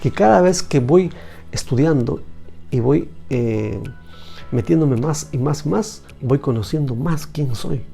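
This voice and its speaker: A man's voice: medium pitch, expressive, a little slow, gravelly, warm tone, faint music behind. A man teaching a Bible lesson in conversation, repeating phrases for emphasis.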